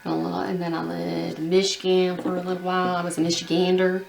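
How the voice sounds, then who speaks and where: A woman's voice: on the low side, completely flat delivery, fast, gravelly, a little hiss or hum. Chatty woman vlogging while painting nails. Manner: chatty, rambling, many fillers. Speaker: beauty vlogger.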